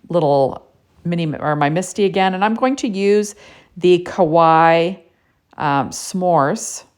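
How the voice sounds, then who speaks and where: A woman narrating a casual card-making tutorial in a chatty way, with lots of "you know" and "right?". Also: on the low side.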